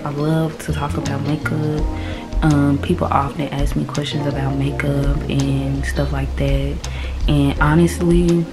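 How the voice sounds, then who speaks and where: A young woman in her twenties talks straight to her phone camera in a relaxed, slangy chat. Her voice sits low and unhurried. Clear music plays behind her throughout. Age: 20s. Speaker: vlogger.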